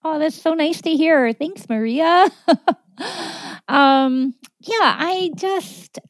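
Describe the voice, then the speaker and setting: Laughing woman editor, slightly high voice. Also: slow, no room sound. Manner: warm, laughs often, hesitant fillers. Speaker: magazine editor, guest. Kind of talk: casual interview.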